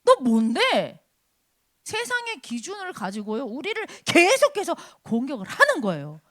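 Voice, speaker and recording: A woman preaching at a church service, with a high-pitched voice. Her delivery is animated and swings widely up and down in pitch. She drives her points home by repeating rhetorical questions. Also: normal speed. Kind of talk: sermon.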